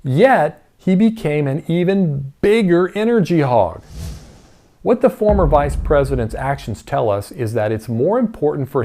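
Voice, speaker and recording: A man's voice: on the high side, mellow, slight background noise. A man giving scripted opinion narration in a sarcastic tone, with pointed rhetorical questions. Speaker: commentary narrator.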